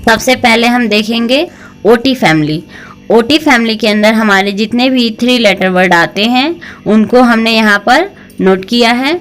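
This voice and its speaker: A woman's voice: a little high, measured pace, a bit bright, soft background music. A woman teacher reading word families to children, spelling each word and then saying it.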